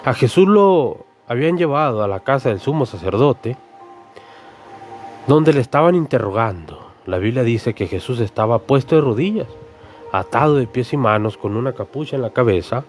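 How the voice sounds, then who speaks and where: Male preacher, storytelling sermon, mid pitch, addresses the congregation as brothers, soft music bed. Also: expressive, moderate pace.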